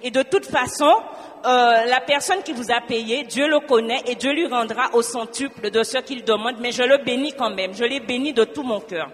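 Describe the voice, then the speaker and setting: A woman's voice: fairly high pitch, normal speed, big-room sound. A woman from Guadeloupe giving a spoken church testimony, telling her story with animation and acting out both sides of a conversation.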